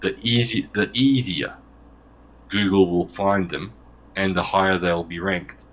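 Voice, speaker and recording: A man with a low, fairly bright voice speaks at a steady tone and measured pace as a guest in a casual interview. He rambles at length, joking loosely and correcting himself with frequent restarts.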